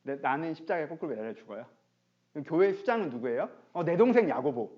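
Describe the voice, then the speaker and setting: Guy doing a sulky disciple whining questions, highish voice, muffled audio. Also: expressive, quick pace, natural voice. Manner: plaintive, complaining questions. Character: whiny, disappointed disciple Peter. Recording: dull lo-fi online stream.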